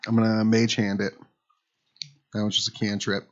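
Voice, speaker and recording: Man, player, low voice, eager, thinking aloud, muffled stream audio. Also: completely flat delivery, normal speed. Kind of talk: casual tabletop game play.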